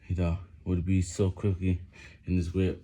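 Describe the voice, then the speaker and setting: A man's voice: deep voice, monotone, unhurried, mellow. A man reading a book aloud while doing push-ups, stumbling over and repeating words under the physical effort. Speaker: vlogger reading on camera.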